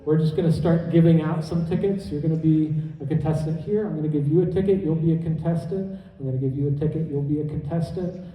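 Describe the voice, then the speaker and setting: Male stage hypnotist emcee, soft-edged tone, instructing and repeating himself, heard distantly in a reverberant hall. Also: on the high side, steady tone, fast, few pauses. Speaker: comedy hypnotist and show host. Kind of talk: live stage show emceeing to an audience. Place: indoor conference hall stage. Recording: echoey hall PA, heard from far off.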